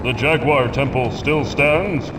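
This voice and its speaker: An actor playing a proud, commanding Aztec holy warrior in a video game, making righteous, imperious declarations in archaic formal speech. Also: male voice, medium pitch, slow, recorded from a distance, background noise, close to an everyday voice. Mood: stern, demanding.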